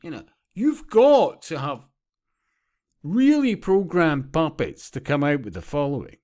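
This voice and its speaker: A man's voice: a little high, very animated, unhurried, darkish tone. A man giving profane, sarcastic commentary, often breaking into laughter. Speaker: vlogger. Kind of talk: ranting commentary.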